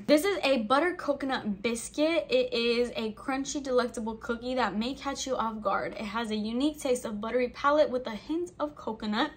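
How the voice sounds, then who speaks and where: A woman's voice: fairly high pitch, fairly bright tone. A young woman vlogger reviewing snacks in casual, bubbly chat, full of "like" fillers. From Albanian heritage. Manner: bubbly, chatty, filler-heavy with lots of "like".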